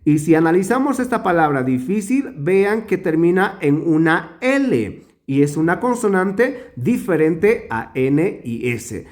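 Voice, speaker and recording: Guy teaching a grammar lesson, slow and careful, voice bounces up and down a lot, stretches words out to show stress. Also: fairly high pitch, sing-song, a little mellow.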